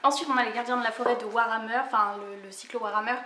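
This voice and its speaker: A woman's voice: fairly high pitch, fairly even intonation, fast talker, sharp tone, roomy sound, a little hiss or hum. A woman in her twenties chatting casually about her books as a vlogger, hesitant with many fillers and laughing at herself. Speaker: book vlogger. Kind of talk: casual book haul chat.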